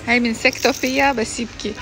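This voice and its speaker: A woman's voice: fairly high pitch, fairly even intonation, fast talker, over music. A woman, chatting playfully in a family vlog and cooing baby talk at her son. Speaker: mother and family vlogger. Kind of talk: casual family vlog chat.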